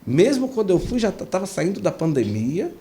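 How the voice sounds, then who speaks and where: A man's voice: high-pitched, very animated, brisk, dark tone, slight background noise. An easygoing man with a Recife accent, hosting a podcast in casual chat and joking with his guest. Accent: Recife Northeastern Brazilian. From Recife, Brazil. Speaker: podcast host.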